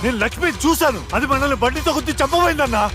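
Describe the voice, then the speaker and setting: A man's voice: very high-pitched, very fast, over music. An actor playing a young male henchman who pleads frantically with his boss. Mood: frantic. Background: film score.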